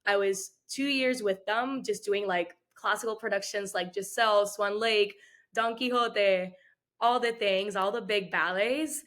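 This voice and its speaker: A woman's voice: mid-range voice, fairly even intonation, unhurried. A woman in her twenties from Puerto Rico, a dancer answering interview questions in a chatty way, with frequent "like" fillers. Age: 20s. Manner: chatty, many "like" fillers, soft-spoken. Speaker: guest, dancer.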